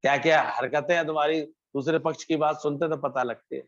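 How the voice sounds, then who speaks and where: A satsang preacher on the high side speaks briskly with fairly even intonation. Through a muffled lo-fi recording, he tells a parable as part of a devotional sermon, performing the characters' lines and returning to phrases for emphasis.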